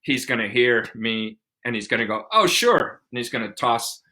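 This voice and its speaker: A man's voice: mid-range voice, little pitch movement, moderate pace, bright, forceful tone. A middle-aged man hosting a science show, explaining ideas to kids with enthusiasm and playful little acted-out scenes. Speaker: host.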